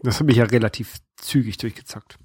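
A man in his thirties chatting casually as a podcast co-host, explaining things haltingly with pauses. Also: mid-range voice, darkish tone, breathy edge, no room sound, studio quality. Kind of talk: casual chat about video games.

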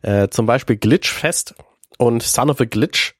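A man's voice: medium pitch, unhurried, no echo. A man in his thirties talks casually, his nose audibly stuffed up from a cold. He hesitates and searches for words as he co-hosts a gaming chat. The recording is dry, without room sound. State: stuffy nose from being ill, sounds congested. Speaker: podcast co-host. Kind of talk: casual chat about video games.

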